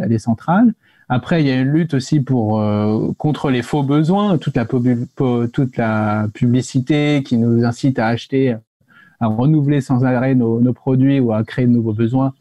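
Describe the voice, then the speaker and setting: A man's voice: mid-range voice, moderate pace, warm tone, no room sound, muffled recording. A man giving an unscripted, argumentative panel answer, explaining and making short, firm assertions. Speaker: panelist, activist against planned obsolescence.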